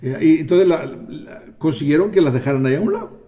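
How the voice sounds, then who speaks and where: A man preaching a sermon, animated, acting out voices and calling on the congregation for amens. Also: fairly high pitch, fairly quick, dull audio.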